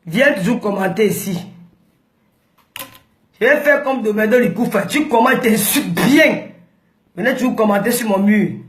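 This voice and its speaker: A middle-aged woman with a Cameroonian French accent, ranting in a chatty, mocking vlog monologue that now and then breaks into shouting. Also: medium pitch, moderate pace, long pauses. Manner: combative and mocking, bursts into shouting; chatty, rambling. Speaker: vlogger.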